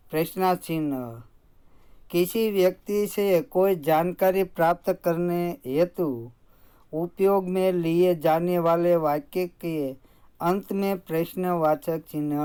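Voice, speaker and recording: A teacher giving a slow, step-by-step grammar lesson, pausing often while explaining. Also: medium pitch, darkish tone, smooth.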